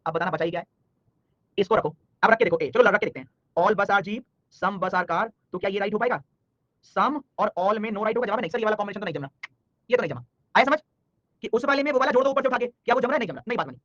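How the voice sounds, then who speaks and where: A man teaching a live online reasoning class, talking fast and teasing and scolding his students by name. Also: high-pitched, animated, a bit bright, no room sound, dull audio. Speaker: online exam-prep teacher.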